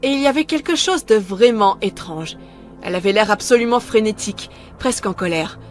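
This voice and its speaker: A woman narrating a first-person horror story in a calm, measured way, scripted. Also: mid-range voice, faint music behind.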